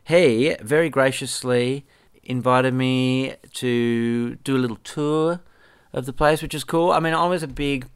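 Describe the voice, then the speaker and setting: A musician from Perth, Western Australia, hosts a casual solo podcast, rambling, correcting himself frequently and dropping the odd swear word. The audio is studio quality with no echo, and his medium-pitched voice is clear and resonant, delivered a little slowly.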